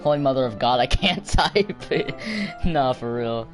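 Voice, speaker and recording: Young male streamer, loud, jokey, chats with viewers, game music behind. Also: mid-range voice, lively intonation, measured pace. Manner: loud, joking, talks to chat. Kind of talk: casual game stream commentary. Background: background game music.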